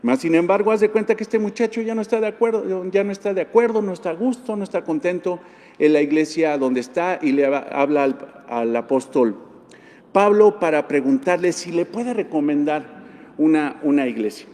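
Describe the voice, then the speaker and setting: A man's voice: a little high, moderate pace, a little mellow. A man preaching a sermon earnestly, repeating key points and addressing the congregation as brothers. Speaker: pastor. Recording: long hall reverb.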